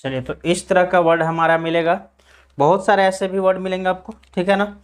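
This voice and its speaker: Man teaching pronunciation, slightly high voice. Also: little pitch movement. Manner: spells words letter by letter and drills them slowly; asks the class questions and answers them himself. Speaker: English teacher. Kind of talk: classroom pronunciation lesson.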